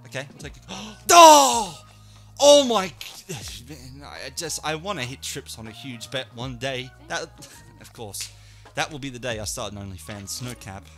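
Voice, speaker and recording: A man commentating his own live blackjack play, excitable and swearing a lot, swinging from low muttering to loud shouts. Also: normal speed, faint music behind. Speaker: online casino streamer.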